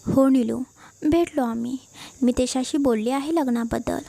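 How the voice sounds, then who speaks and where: A woman voicing a kind old grandmother who heads the family and talks gently with mild teasing. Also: high voice, normal speed, creaky, dry recording. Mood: affectionate. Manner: gentle, affectionate, mildly teasing.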